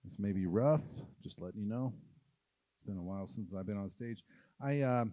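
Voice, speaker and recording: A man from Oklahoma, USA, performs a stand-up comedy set on a live stage. His fairly low, mellow voice comes through without echo. He talks haltingly and self-deprecatingly, with plenty of "uh" fillers.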